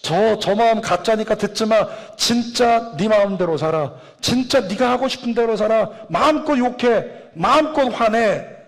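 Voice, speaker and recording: A man's voice: sits high, normal speed, big-room sound, voice pushed up. A man voicing a pushy, tempting evil inner voice that coaxes the listener. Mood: urging. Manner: coaxing, urging.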